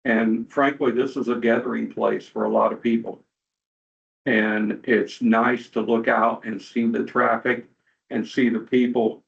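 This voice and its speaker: A man's voice: medium pitch, little pitch movement, measured pace, gravelly. A middle-aged man, a city council member, making an earnest, plain-spoken appeal at a board hearing in a courtroom-style recording. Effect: courtroom-style hearing room recording. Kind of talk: public comment at a board hearing. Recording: dull muffled hearing room recording.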